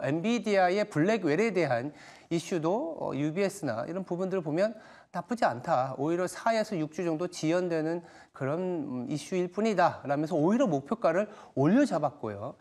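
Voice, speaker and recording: A man hosting a TV stock market segment, explaining market moves in a measured way with small fillers. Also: fairly high pitch, a little mellow. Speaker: TV stock market show host. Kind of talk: broadcast market commentary and interview.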